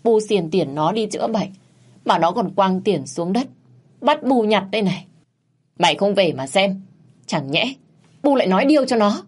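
Woman doing a shrill spiteful old mother-in-law. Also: lively intonation, normal speed, pauses often, a little mellow, husky. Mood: wailing. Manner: shrill, wailing, scolding.

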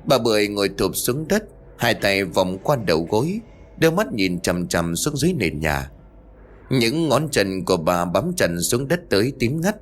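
Male storyteller for an audio ghost story, low and expressive, suspenseful. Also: normal speed. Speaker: narrator. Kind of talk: dramatic ghost story narration.

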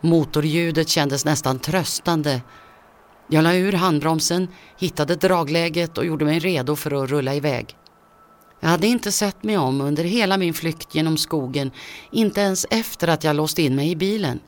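A man delivers a creepy first-person story as scripted narration. He speaks in a tense, measured way, with a voice a little high for a man.

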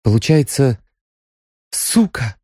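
A man's voice: mid-range voice, very animated, slow pace, warm tone, husky, no room sound, clean studio sound, voice pushed up, heavily acted. A man voicing a jealous, hot-tempered young woman, bitter and tearful. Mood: reproachful.

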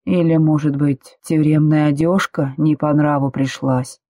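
A woman voicing a strong male prisoner who murmurs in a low, hushed, teasing way. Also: level tone, a little slow, dry recording, studio quality. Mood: mocking.

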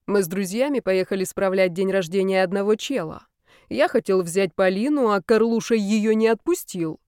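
A woman's voice: medium pitch, normal speed, darkish tone, clear, resonant tone, no echo, studio quality, natural voice. A woman reading the part of an arrogant, teasing young male student in an audiobook. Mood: sulky. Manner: haughty, teasing.

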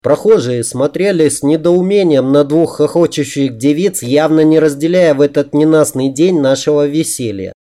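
A man narrating a fantasy novel in the first person, with lively, humorous storytelling. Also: on the high side, normal speed, few pauses. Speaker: audiobook narrator.

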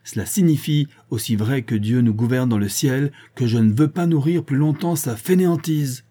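A man's voice: medium pitch, normal speed, dark tone, slightly rough, close to an everyday voice. A man voicing a stern, angry elderly father who gives harsh, commanding orders and raises his voice.

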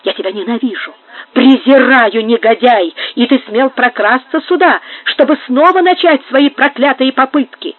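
A woman reading aloud and voicing a terrified, furious young woman who cries out in shrill, high-strung bursts. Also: lively intonation, moderate pace, no echo. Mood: frantic, hateful. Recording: tinny phone-like sound.

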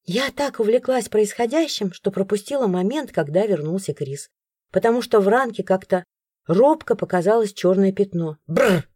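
A woman narrating a first-person audiobook in an expressive storytelling manner. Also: mid-range voice, moderate pace, no echo, studio quality.

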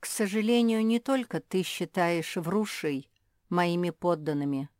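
A woman voicing a somber male bat who rules the mice, speaking calmly and measuredly in an audiobook. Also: lowish voice, unhurried, no room sound, clean studio sound, natural voice. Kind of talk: audiobook reading.

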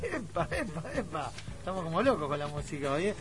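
High-voiced Argentine male radio host. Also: very animated, a little fast, a bit bright. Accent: Rioplatense Argentine. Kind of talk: casual radio talk and commentary. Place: radio studio. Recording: music behind the voice.

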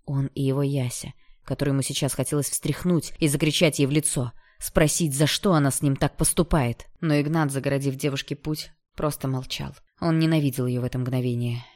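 Steady, expressive audiobook narrator. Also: mid-range voice, a little fast, few pauses. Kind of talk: scripted novel narration.

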